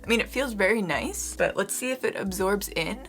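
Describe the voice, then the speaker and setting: A young woman giving a casual beauty product review. She is slightly hoarse and talks to her viewers in a chatty way, often using "like" as a filler. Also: fairly high pitch, lively intonation, a little fast, a bit bright. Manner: chatty, addresses viewers as "you guys", frequent "like" fillers. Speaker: beauty vlogger.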